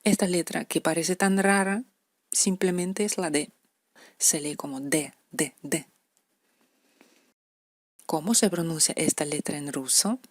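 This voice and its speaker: Slow, low-voiced woman teaching letters. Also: no echo. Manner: patient, repeating example words slowly. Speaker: language teacher. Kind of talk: explaining letter pronunciation to beginners.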